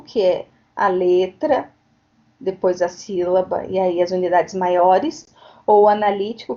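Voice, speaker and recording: Woman, higher-pitched, explains patiently to teachers over a video call mic, muffled lo-fi audio. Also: warm tone. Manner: explanatory, frequent tag questions. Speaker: teacher educator. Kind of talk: online lecture. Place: home, virtual meeting. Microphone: computer mic on a video call. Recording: dull lo-fi online recording.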